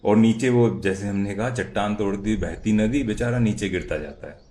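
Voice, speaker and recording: Lower-voiced man telling a dramatic kids' story. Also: moderate pace. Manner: dramatic, animated, with sound words and idioms. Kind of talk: expressive children's story narration.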